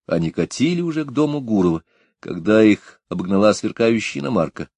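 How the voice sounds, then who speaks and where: A man narrating an audiobook in an expressive reading style. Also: lowish voice, a little fast, no echo. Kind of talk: scripted narration.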